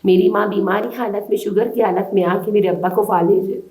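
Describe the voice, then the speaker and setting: A woman from Balochistan, Pakistan, is interviewed by a reporter and gives urgent, distressed testimony. Her mid-range voice has a warm, steady tone, and the recording has a roomy echo.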